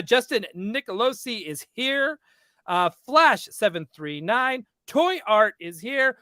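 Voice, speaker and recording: Guy hosting a comics podcast, really high bright voice, super dry close sound. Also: no echo. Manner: upbeat, laughs often, reads out chat names. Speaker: podcast host. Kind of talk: casual chat.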